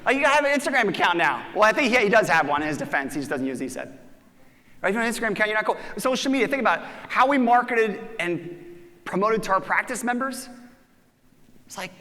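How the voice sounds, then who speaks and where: A man giving a motivational conference talk, animated and acting out voices when he quotes people. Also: high voice, quick pace. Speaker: conference speaker. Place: large conference hall. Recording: reverberant conference hall.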